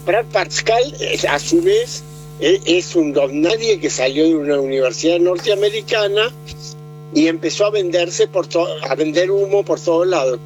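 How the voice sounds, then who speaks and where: A man's voice: a little high, low-quality recording. A man, explaining politics conversationally, with many hesitations and restarts. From Argentina. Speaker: political commentator.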